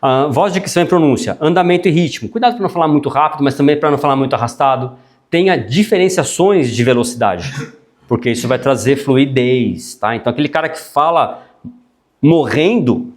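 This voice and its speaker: A man teaching a public speaking class, animated and chatty, dropping frequent tag questions and jokey asides. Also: on the high side. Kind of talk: classroom lecture.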